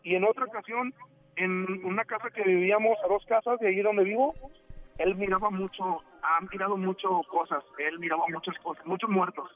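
A man's voice: high-pitched, fairly even intonation. Man rambling over a tinny phone. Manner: rambling, halting storyteller with many restarts. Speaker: radio caller. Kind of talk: telling a ghost story on a call-in show. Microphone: telephone. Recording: tinny phone line with faint music.

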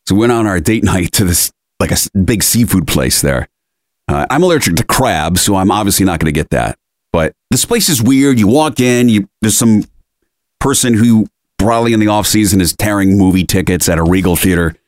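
A man's voice: on the low side, a little fast, no room sound, studio quality. A man co-hosting a podcast, telling a story in casual chat and acting out the voices of people in it. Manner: animated storyteller, acts out quoted voices. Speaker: podcast co-host.

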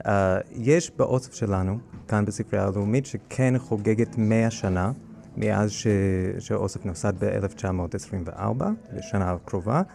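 A man with a lowish, mellow voice and a strong American English accent in Hebrew. He speaks as an interviewed curator, explaining haltingly, with restarts and a gravelly creak. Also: steady tone. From United States. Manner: halting, with frequent hesitations and restarts. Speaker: guest curator of a library collection.

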